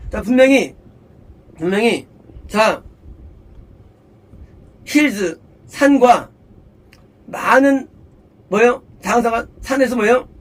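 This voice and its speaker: A male pastor giving an expository Bible sermon in a plain conversational way, often stopping to ask his listeners rhetorical questions and repeating words for stress. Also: very high voice. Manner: keeps asking rhetorical questions like "what is it?".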